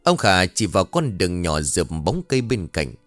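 A man narrating a ghost story as a storyteller, with an expressive, dramatic reading. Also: low-pitched, moderate pace, no echo. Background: faint music.

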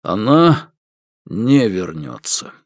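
A man doing a calm, guarded middle-aged man. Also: a little high, a little slow, no room sound, studio quality, pitched above the performer's own voice. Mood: grave.

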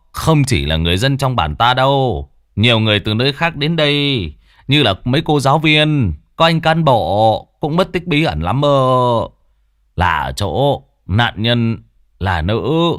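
A man's voice: medium pitch, fairly bright tone, dry recording, clean studio sound. A man doing a grave worried village chief.

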